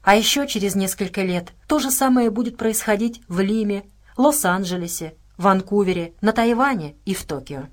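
A woman's voice: mid-range voice, animated, normal speed, close to an everyday voice. Storybook scientist woman, patient lecturer, worried, read by a woman. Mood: grave. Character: female scientist, earnest and worried.

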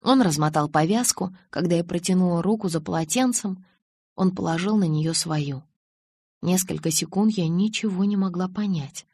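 Woman, audiobook narrator, husky, lowish voice, dry close studio sound. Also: normal speed, dry recording. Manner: lively, expressive dialogue reading. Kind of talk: first-person audiobook narration.

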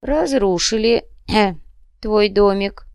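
A woman voicing a stern, dying old male monk who speaks slowly and curtly. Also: mid-range voice, darkish tone, clean tone, dry recording, clean studio sound, voice pushed up. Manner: slow, weighty, curt speech. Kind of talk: audiobook character reading.

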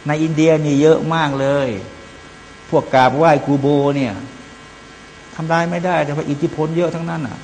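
The recording, marked by long hall reverb and a faint mains hum, captures a Quran commentary by an Islamic preacher. His mid-range voice is a little mellow as he chants Arabic verses, explains them simply, and addresses listeners as brothers and sisters.

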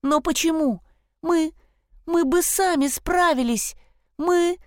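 Storybook role: a woman reading an eager girl, pitch up, pleading and urgent. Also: fairly even intonation, unhurried, no echo, studio quality. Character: eager excited young girl.

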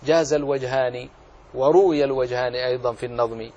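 A man teaching as a sheikh, explaining a classical poem on recitation rules line by line, deliberate and repeating key phrases for emphasis. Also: mid-range voice, steady tone, a little mellow, highs cut off. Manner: demonstrates recitation between explanations.

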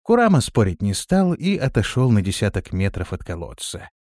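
A man reading an audiobook as narrator, with expressive delivery. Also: on the low side, moderate pace, no room sound, studio quality. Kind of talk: scripted narration.

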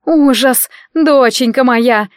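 Storybook mother, middle-aged and fussy, shrill and loud as a female reader puts her on, dry recording. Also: slow pace, dry recording. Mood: outraged. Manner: shrill and indignant.

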